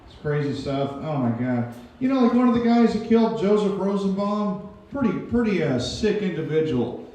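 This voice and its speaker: This forty-year-old stand-up comedian from Japan sounds very animated, with a high-sitting, warm voice at a moderate pace, as he does crude, self-deprecating material onstage. A distant mic picks up the echoey club and its audience.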